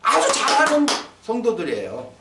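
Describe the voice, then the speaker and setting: A man preaching a sermon in church, animated, acting out little dialogues and quizzing his congregation. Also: extremely high pitch, normal speed, heavy background noise. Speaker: pastor. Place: church sanctuary. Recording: echoey hall, mic from a distance.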